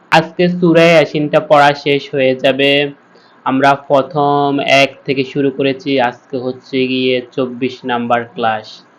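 A man teaching Quran reading in a step-by-step lesson, spelling out each letter and then slowly chanting the joined words. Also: medium pitch.

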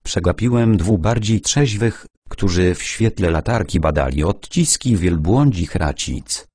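A man narrating a first-person adventure audiobook in a measured, steady way. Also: low voice, breathy edge, no room sound, clean studio sound.

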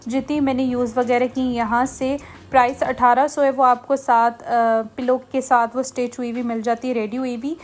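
A woman's voice: on the high side, little pitch movement, moderate pace, hardly any pauses. A woman, chatting to viewers in a casual shopping vlog voice-over. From Pakistan. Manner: chatty, friendly, addresses viewers directly. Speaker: shopping vlogger.

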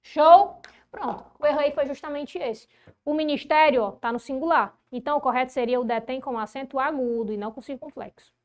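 A woman with a high voice leads an online grammar class, walking students through spelling rules patiently. She drags out the important words and checks in with quick "certo?" asides. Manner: explanatory, repeats key rules slowly, frequent "ó" and "show?". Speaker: teacher. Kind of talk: online exam-prep grammar lesson.

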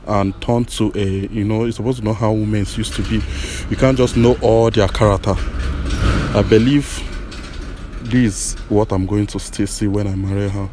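A man, gently consoling a woman on a blind date, halting and repeating his apologies. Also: fairly low pitch, steady tone, background noise. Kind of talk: emotional unscripted conversation.

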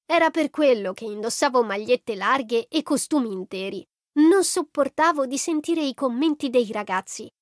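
A woman reading a first-person story as an audiobook narrator in an even storytelling delivery. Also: a little high, no echo, studio quality.

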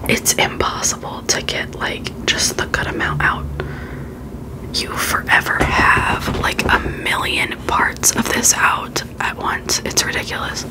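A woman vlogger whispering in a soft, unvoiced ASMR style, chatting informally and giving frank opinions. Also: a little slow, rough recording. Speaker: beauty vlogger. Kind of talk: whispered ASMR, casual product chat.

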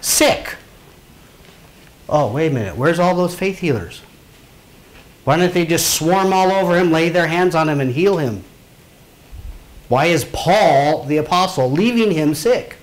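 A man's voice: fairly high pitch, expressive, moderate pace. A man teaching a Bible class in a conversational way, asking his students questions and calling on them to read. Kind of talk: informal Bible lesson to a class.

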